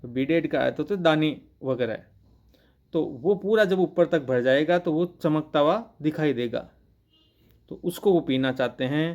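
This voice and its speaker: A man teaching English literature, reading each line of a poem slowly and then explaining it in Hindi, often asking questions and answering them himself. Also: on the high side, a little mellow, muffled recording.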